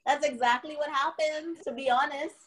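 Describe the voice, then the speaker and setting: A woman from the Bahamas, a coach, talking in an animated casual conversation and repeating phrases for emphasis. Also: high-pitched, normal speed, poor audio. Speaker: podcast guest, antiracism coach.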